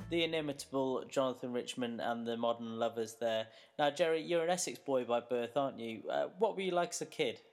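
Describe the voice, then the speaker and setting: A man's voice: medium pitch, a little fast, few pauses, darkish tone. A man hosting a music interview show, presenting and asking questions in a conversational way. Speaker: radio show host, interviewer.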